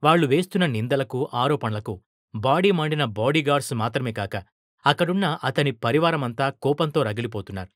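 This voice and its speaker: A man narrating a story in a steady, expressive reading voice. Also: mid-range voice, a little fast, no echo, clean studio sound. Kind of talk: scripted narration.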